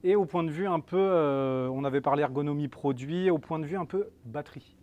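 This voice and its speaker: A man's voice: on the high side, fairly quick, phone-quality sound. A man hosting a live, casual product interview, asking informal, slightly rambling questions. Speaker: host and interviewer, store salesperson.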